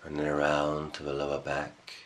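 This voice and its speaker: Here a meditation teacher, a man, talks listeners through a calm guided session. His phrases are short and measured with long gaps, and his voice rumbles low.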